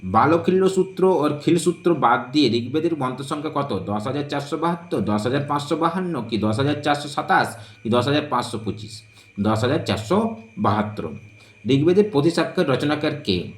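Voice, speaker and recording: A man teaching an exam-prep lesson, reading quiz questions and drawing out each answer option slowly and deliberately. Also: a little high, lively intonation. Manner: slow, deliberate, drawn-out listing of options.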